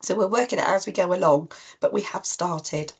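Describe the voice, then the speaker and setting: A woman with a cold, husky and coughing, giving an informal online talk to practice teams with many ums and restarts. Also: on the low side, normal speed. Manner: rambling with frequent ums and restarts. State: coughing, voice strained. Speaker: clinical lead presenting to practice teams. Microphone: video call.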